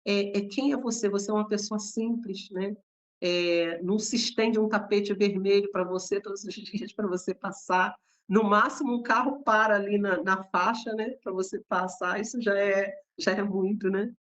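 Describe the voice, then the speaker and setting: A woman with a Brazilian accent giving a gentle, conversational Bible devotional, often adding tag questions. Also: medium pitch, steady tone, moderate pace. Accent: Brazilian Portuguese.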